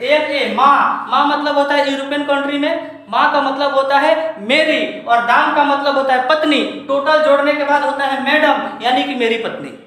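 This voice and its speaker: A man's voice: extremely high pitch, fairly even intonation, moderate pace, sharp tone. A man from India giving a spoken lesson, lecturing in a rhetorical way and putting questions straight to his listeners. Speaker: teacher. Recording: very echoey room.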